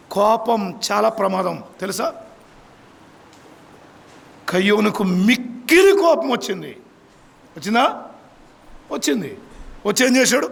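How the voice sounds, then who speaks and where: Pastor, man; high, lively delivery with a gravelly, husky edge; drills the congregation with questions. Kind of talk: sermon. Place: church.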